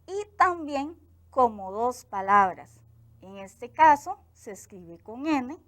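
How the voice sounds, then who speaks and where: A woman teacher from Costa Rica with a Costa Rican accent, giving a clear, explanatory grammar lesson for television. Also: fairly high pitch. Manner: slow, clear explanatory delivery.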